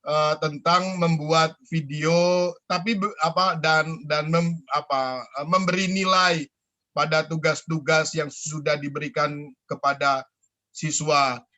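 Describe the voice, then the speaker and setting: A man's voice: a little high, steady tone, slow, pushed and bright. A man from the school staff replying to students' suggestions on a video call, hesitant, with many fillers and restarts. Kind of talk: online school forum reply.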